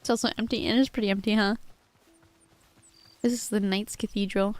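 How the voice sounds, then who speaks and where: Over soft background music, a streamer speaks fairly quickly in a medium-pitched voice with fairly even intonation and no echo. She uses a stiff, formal character accent as she warmly welcomes raiders and talks with chat during her game stream.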